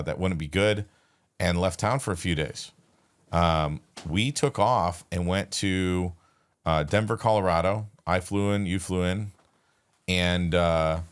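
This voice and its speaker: Very deep-voiced man recounting a story. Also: clean tone. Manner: relaxed, halting retelling with restarts and quoted dialogue. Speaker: podcast guest. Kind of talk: casual storytelling.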